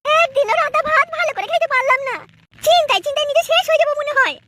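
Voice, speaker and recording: A woman voicing an anxious, indignant young daughter-in-law in a comic cartoon, shrill and pleading. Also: rapid-fire, pushed and bright, no room sound.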